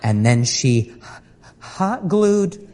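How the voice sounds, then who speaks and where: A man's voice: a little high, big pitch swings, very slow, mellow, slight background noise. A man doing a stand-up comedy routine, telling a story about his wife in an exasperated, sarcastic way.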